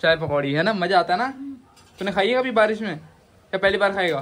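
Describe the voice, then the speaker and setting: A man's voice: sits high, fairly quick, fairly bright tone. A young man casually vlogging with his family, teasing and chatty as he talks to his viewers. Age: young adult.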